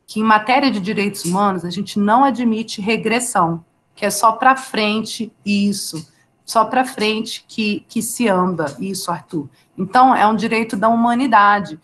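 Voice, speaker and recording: Brazilian woman teaching a law class. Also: medium pitch. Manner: conversational, asks students questions and reads their names from chat. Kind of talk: live online law class.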